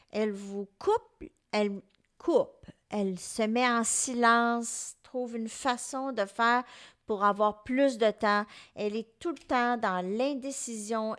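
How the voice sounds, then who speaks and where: A middle-aged woman with a Québécois French accent, giving a tarot reading to her viewers in an unhurried, musing way and speaking straight to them. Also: on the high side, fairly bright tone. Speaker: tarot reader.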